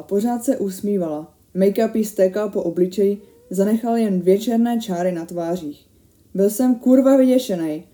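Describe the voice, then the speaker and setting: A woman reading a first-person horror story aloud in a steady, measured way that grows tense at the scary moments. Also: medium pitch.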